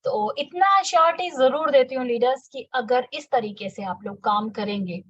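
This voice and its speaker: A woman giving a fast, energetic motivational sales training talk, repeating her key words. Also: sits high, slightly rough. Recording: slightly dull lo-fi audio.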